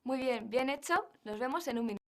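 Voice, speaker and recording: A woman's voice: high-pitched, expressive, fairly quick, a bit bright. A woman teaching an English lesson, drawing out words carefully in pronunciation drills. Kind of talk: language lesson.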